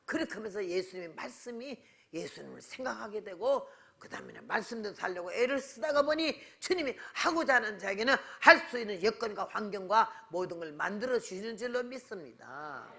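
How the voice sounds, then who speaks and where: A woman's voice: medium pitch, big pitch swings, a little fast, vocal fry, fairly bright tone. An older woman preaching at a revival meeting, a blunt, scolding storyteller who acts out both sides of her conversations. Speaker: guest revival preacher, missionary. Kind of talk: revival sermon with anecdotes. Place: church sanctuary.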